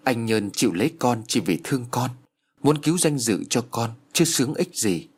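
A man's voice: medium pitch, sing-song, normal speed, husky. A man voicing an earnest young woman pleading with her mother in an audiobook story, in a tearful, pleading manner.

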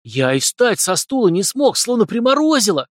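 An excitable teenage boy, voiced by a man blurts out his story eagerly and loudly. The voice is pushed well above his usual pitch, and the audiobook recording stays dry. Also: moderate pace, no room sound. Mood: excited.

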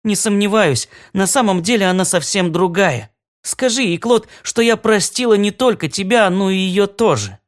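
A man reading a story aloud and voicing a calm, forgiving female ghost in a soft, mild voice. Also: high voice, moderate pace, pitched above the performer's own voice. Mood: gentle.

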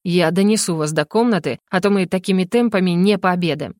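A woman's voice: on the low side, brisk, a little mellow, dry recording, close to an everyday voice. A woman voicing a stern, grumpy male battle mage who speaks dryly and skeptically. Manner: dry, skeptical, gruff.

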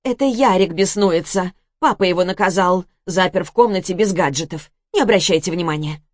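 A woman's voice: fairly low pitch, a little fast, dry recording, clean studio sound, lightly acted. Woman doing a sleepy indifferent nurse. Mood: drowsy. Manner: drowsy, indifferent.

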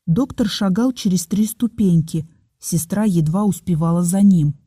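A woman narrating an audiobook in a calm, measured reading voice. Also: lowish voice, slightly rough, dry recording, studio quality. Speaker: audiobook reader.

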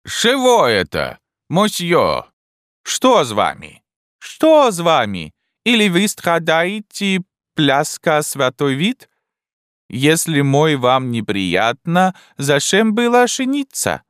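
Man doing a shrill old Frenchwoman. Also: huge pitch swings, slow pace, a bit bright, clear, resonant tone, dry recording, studio quality, full character voice. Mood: bewildered. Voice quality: high, shrill. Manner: broken grammar, foreign-sounding speech. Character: old French woman, eighty-two, shrill and indignant.

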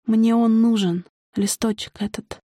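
A woman voicing a quiet, motherly female forest guardian spirit who speaks low and softly in a storybook reading. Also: fairly even intonation, measured pace, no echo, clean studio sound. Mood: hushed.

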